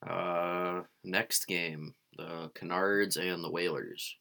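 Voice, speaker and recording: Low gravelly man, dry crude joker. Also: fairly even intonation, slow, bright, forceful tone. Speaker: podcast co-host. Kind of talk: casual sports chat.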